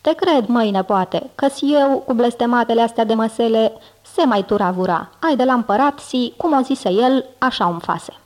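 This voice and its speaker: A woman's voice: fairly high pitch, few pauses, darkish tone, natural voice. A woman voicing a boastful young male fairy-tale hero who blusters in a lisping, folksy way, in an audiobook reading.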